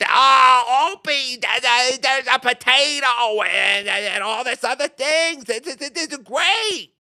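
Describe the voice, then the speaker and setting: A giddy, excitable man stammers over his delight, as a podcast host puts him on. The voice sits very high, with a gravelly, fried edge and a sharp, piercing brightness. He drags his words out slowly. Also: heavily acted. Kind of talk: impression of a show regular.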